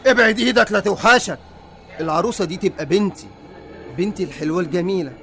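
An Egyptian-accented actor playing an unhinged, childlike killer who makes dolls. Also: male voice, high-pitched, quick pace, gravelly, a bit bright, soft background music. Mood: creepy dreamy. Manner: creepy, dreamy, turns childlike. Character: unhinged male doll-making killer, childish, creepy.

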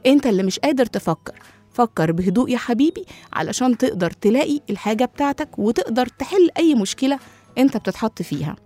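A calm mother soothes her son in a children's story, as a woman with an Egyptian accent puts her on. Her tone is mellow and patient. Light music plays in the background. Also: on the high side, fast. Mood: soothing. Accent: Egyptian Arabic.

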